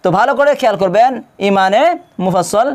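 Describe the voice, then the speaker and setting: A religious teacher who recites slowly and draws out each word, spells the words letter by letter with their vowel marks, and asks the viewers questions before answering them quickly. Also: mid-range voice. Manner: recites slowly and drawn out, explains quickly in between.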